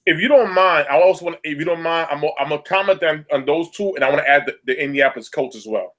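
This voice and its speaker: A man's voice: a little high, quick pace, fairly bright tone. A man co-hosting a casual sports podcast with a Southern US accent, ranting animatedly and repeating words as he builds up. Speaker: sports talk co-host.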